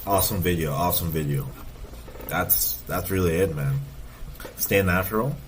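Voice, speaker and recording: A man's voice: deep voice, normal speed, a little hiss or hum. A man in his thirties, a fitness coach, giving casual, emphatic reaction commentary and repeating points for stress. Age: 30s.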